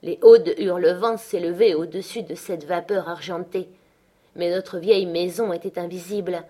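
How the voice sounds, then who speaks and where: Woman narrator for a classic novel audiobook, measured and even. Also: lowish voice.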